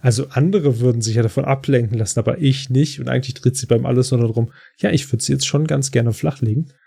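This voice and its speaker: A man's voice: mid-range voice, fast, creaky, mellow, slightly rough. A man co-hosting a podcast, casually retelling a TV episode in a loose, rambling way full of fillers. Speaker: podcast co-host recapping a TV episode. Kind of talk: casual chat.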